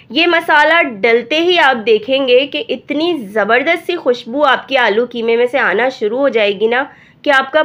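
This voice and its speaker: Hoarse woman explaining a recipe. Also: sits high. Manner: calm step-by-step instructing. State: hoarse from a cold. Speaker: cooking channel host. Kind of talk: recipe voice-over narration. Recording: dull lo-fi voice-over.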